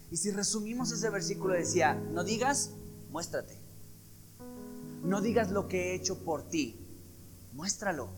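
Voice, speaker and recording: A man preaching a sermon, emphatic and shifting between loud stresses and hushed asides. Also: sits high. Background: soft guitar music.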